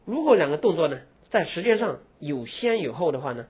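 A man teaching English grammar in a lecture. He explains in Mandarin, asks rhetorical questions and answers them himself, and drawls English example phrases slowly with heavy stress. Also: fairly high pitch, very animated, slightly rough. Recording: tinny phone-like lo-fi recording.

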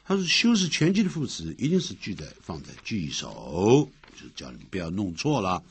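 Husky low-voiced man teaching grammar. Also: wildly swooping pitch, moderate pace. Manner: explains step by step, repeating example sentences. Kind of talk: classroom-style grammar lecture.

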